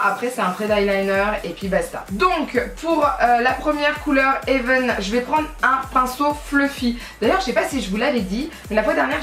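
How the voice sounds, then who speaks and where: Recorded from a distance, a French woman with a slightly high, somewhat bright voice chats casually through a makeup tutorial as a beauty vlogger. She rambles with lots of fillers and frequent self-corrections. Faint music plays in the echoey room, and she sits a bit off-mic.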